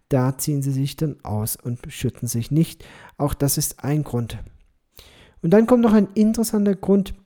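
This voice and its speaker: A missionary records a solo podcast episode, reflectively explaining his views with frequent hesitations and restarts. His voice is slightly high and mellow.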